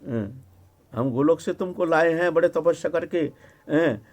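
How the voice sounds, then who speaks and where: A man, a spiritual teacher, speaks at an ashram in a devotional discourse. His voice sits fairly high for a man. He tells the story with lively, animated delivery, leaps into acted-out quoted speech and keeps tossing short rhetorical questions to his listeners. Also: measured pace.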